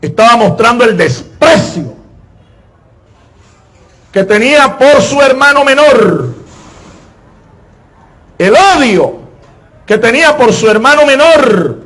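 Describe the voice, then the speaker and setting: A man preaching a sermon in an emphatic style, repeating his phrases and often pausing on filler words. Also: very high voice, sing-song, a bit bright.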